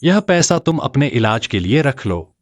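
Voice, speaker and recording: A man's voice: medium pitch, very animated, unhurried, dry recording. An actor playing a cocky, wisecracking young man in a dubbed drama. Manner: cocky and teasing. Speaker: brash hero.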